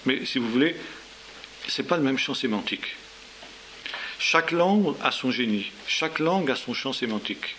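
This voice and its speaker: A man talks through a lecture in a halting, informal way. He stacks up fillers and repeated words and often checks in with his listeners. His voice sits at an average pitch over a faint tape hiss. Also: lively intonation, pushed and bright. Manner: hesitant, many fillers and repeated words, tag questions.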